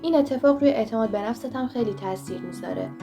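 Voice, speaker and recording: A young woman talks straight to the camera and hands out self-help tips in a firm, coaching tone. Her voice sits a little high. Guitar music plays clearly under her. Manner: direct, coaching, speaks straight to the viewer. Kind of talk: motivational advice monologue. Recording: voice over clear background music.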